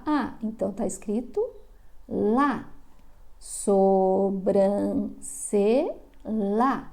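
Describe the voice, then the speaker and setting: A middle-aged woman from Brazil walks parents through a reading lesson, stretching each syllable slowly. Her voice is a little high yet mellow and dark. A gravelly fry runs through her delivery. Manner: slow, drawn-out sounding of syllables. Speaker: literacy teacher. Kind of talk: instructional explanation for parents.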